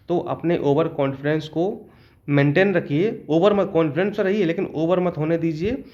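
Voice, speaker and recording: A man teaching an exam-prep lesson in a fairly high voice. He works through each question steadily and keeps checking in with his listeners as he goes. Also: a little mellow, highs cut off. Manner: explains step by step, often adds a checking "okay".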